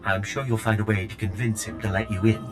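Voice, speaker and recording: An actor playing a prim, fussy male servant droid in a video game, with a polished, too-smooth android delivery. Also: on the low side, little pitch movement, fast talker, music in the background, lightly acted. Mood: brisk. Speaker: game character.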